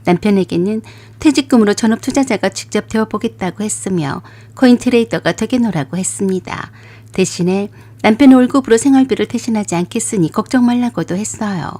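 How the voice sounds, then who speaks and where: Mellow woman narrating a story. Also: medium pitch, a little fast. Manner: calm, conversational storytelling. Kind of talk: first-person story narration.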